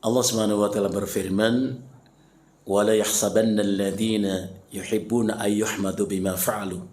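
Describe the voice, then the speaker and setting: A man preaching a mosque lecture, animated and rhetorical, turning often to his listeners with questions. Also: on the low side, normal speed. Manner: animated, rhetorical questions, addresses the congregation directly.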